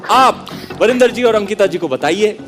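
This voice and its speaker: High-voiced playful man hosting a quiz. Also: moderate pace, over music. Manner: lively, mixes Hindi and English, playful. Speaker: quiz show host. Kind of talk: energetic game show hosting.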